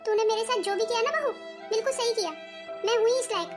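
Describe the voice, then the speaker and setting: A woman's voice: extremely high pitch, fast, soft background music. A woman voicing an elderly mother-in-law in a cartoon family story, scolding and pleading by turns. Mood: remorseful. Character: proud elderly mother-in-law, later remorseful. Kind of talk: cartoon voice acting.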